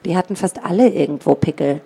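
Mellow-voiced woman reading a children's story. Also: on the low side, fast talker, gravelly, husky. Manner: lively reading that voices each child and gang member. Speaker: audiobook narrator.

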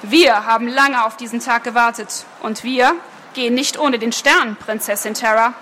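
In an audiobook reading, a woman voices a sinister male villain who speaks coldly and taunts his captive. The voice sits fairly high and sounds bright and sharp. A faint hiss runs beneath it. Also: steady tone, normal speed. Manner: cold, menacing, taunting. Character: sinister adult male villain, icy and mocking.

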